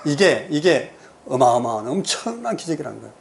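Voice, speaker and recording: A man's voice: a little high, sing-song, fairly quick, vocal fry, slight background noise. A man preaching as a pastor, retelling a passage as a story and explaining it to the congregation. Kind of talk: expository sermon.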